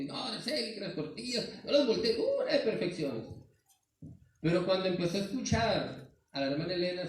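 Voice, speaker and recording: A man's voice: a little high, darkish tone, far from the mic. A man with a northern Mexican accent preaching a sermon in a church, earnest and constantly calling his listeners "hermano.". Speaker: pastor. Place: large church sanctuary. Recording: very echoey hall, voice from afar.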